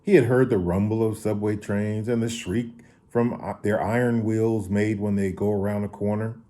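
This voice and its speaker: A man reading a children's book aloud, expressive, now and then backing up to reread a line. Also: on the low side, normal speed. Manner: expressive reading with occasional restarts. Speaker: story reader. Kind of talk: children's story read-aloud.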